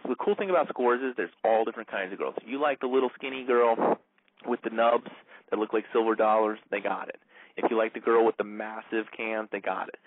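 A man's voice: fairly low pitch, breathy edge, dry recording. A male radio host casually telling a long, rambling story, with lots of fillers. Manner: rambling, full of "like" and "you know". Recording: narrow phone-like band, dry.

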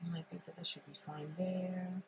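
Her voice is lowish, level, and stuffy with vocal fry, at a normal speed, and there is background noise. She hosts a laid-back paper craft tutorial from her table, chatting through each step and frequently saying um.

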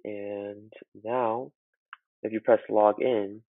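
A man's voice: lowish voice, level tone, extremely slow, no room sound. Man sounding muffled, as through a wall. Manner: loose and chatty, with many fillers. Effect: muffled, as if heard through a wall. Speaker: student making a how-to video. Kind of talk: casual screen-recording tutorial. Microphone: built-in laptop microphone. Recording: muffled, tinny, dry laptop mic.

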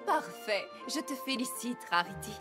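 A woman as gracious, highish-voiced Princess Celestia. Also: expressive, moderate pace, close to an everyday voice. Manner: formal, composed. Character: gracious, regal adult female pony princess. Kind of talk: French-language cartoon dubbing. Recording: music behind the voice.

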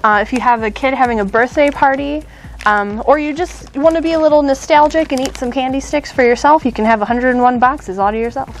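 A woman's voice: sits high, brisk. A woman in her thirties hosting a casual candy shop chat, upbeat and chatty with fillers and small laughs.

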